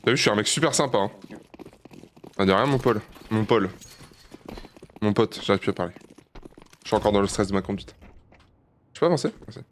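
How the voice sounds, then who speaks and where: This live shooter stream features a man who curses a lot and pokes fun at himself while playing, shifting between quiet low mumbling and abrupt high-pitched yelps. He speaks fast but pauses often, and there's a bit of background noise.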